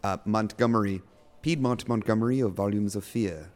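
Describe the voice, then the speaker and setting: Guy doing pompous horror podcast host, mellow voice, theatrical n formal, audio drama. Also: fairly low pitch, normal speed, natural voice. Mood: sheepish. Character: pompous, eager male horror host playing roving reporter.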